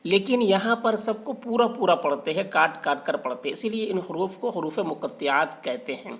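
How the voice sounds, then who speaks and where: Man, high voice, recitation teacher, patient, repetitive, drawn-out letters. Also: animated, a bit bright. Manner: explains patiently, repeats letters slowly and drawn out. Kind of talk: step-by-step tajweed lesson.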